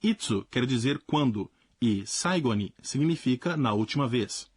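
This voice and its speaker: Guy reading out a language lesson, clear explaining tone, bit husky, dry studio sound. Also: mid-range voice, animated, unhurried, darkish tone, no echo. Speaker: language teacher. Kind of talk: scripted lesson narration.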